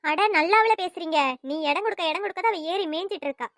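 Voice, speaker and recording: A woman doing a shrill nagging mother-in-law. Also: fast, fairly bright tone, no room sound, studio quality. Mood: scolding. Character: scolding sharp-tongued old mother-in-law. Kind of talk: cartoon voice acting.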